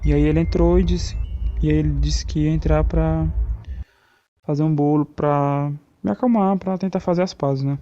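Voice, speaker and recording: A man's voice: a little high, fairly even intonation, dry recording, close to an everyday voice. A man playing a reflective Brazilian pop star. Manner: reflective, halting storytelling with many fillers. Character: award-winning male pop star recalling childhood. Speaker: podcast guest. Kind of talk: animated-film interview acting. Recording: slightly muffled, soft music behind.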